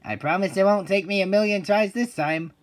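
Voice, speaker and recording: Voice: medium pitch, a little fast, close to an everyday voice. An actor voicing an eager, naive male sea-sponge driving student in an exclamatory, earnest cartoon style. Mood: apologetic, sweet. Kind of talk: cartoon voice acting.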